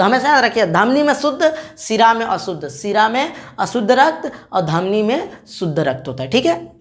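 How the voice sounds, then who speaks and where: A woman teacher giving an exam-prep lecture, drilling students with quick questions and answers and repeating key terms. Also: mid-range voice. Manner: repeats key terms, self-corrects mid-word.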